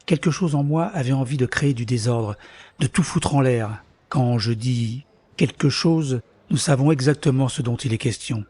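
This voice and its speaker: In this audio drama, the narrator and lead character is a man telling his own story in the first person, bitter and introspective. His voice is medium-pitched, husky and natural, at a moderate pace, recorded dry with soft music underneath.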